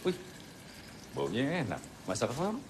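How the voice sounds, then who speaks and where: A man's voice: mid-range voice, wildly swooping pitch, moderate pace, slight background noise. A man playing a casual, grumbling husband at home in a naturalistic screen drama.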